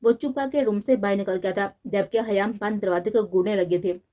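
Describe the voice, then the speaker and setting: A woman narrating a romantic audio novel in a steady, even storytelling manner. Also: mid-range voice, fairly quick, muffled recording.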